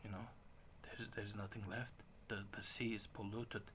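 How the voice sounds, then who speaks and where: A man in his late forties talking casually in a halting way, with frequent restarts and chuckles. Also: lowish voice, flat delivery, fairly bright tone, slight background noise. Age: 40s. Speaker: stream host. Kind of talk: casual rambling monologue.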